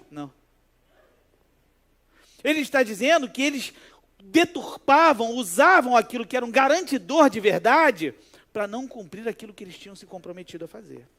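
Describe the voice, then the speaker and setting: High-voiced pastor preaching. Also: male voice, brisk. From Brazil. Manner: animated, conversational preaching. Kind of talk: sermon with personal storytelling.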